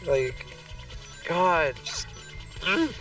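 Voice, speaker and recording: A man with a somewhat high voice chats loosely on a game stream, stringing thoughts together with lots of fillers. He sits a little away from the mic, and faint game music plays under him. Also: very animated, extremely slow, far from the mic, rough recording. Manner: rambling, heavy on fillers. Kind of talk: casual chat while gaming.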